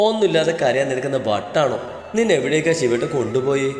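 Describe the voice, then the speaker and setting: A man voicing a blunt, teasing young woman friend in a storybook, scolding in a brisk way, with echo, long reverb and faint music. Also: medium pitch, sing-song, natural voice. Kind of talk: storybook narration.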